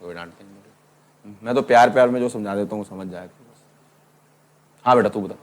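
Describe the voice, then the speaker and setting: Lively male law teacher lecturing a class. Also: fairly low pitch, fairly quick. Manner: lively, teasing, addresses students as beta.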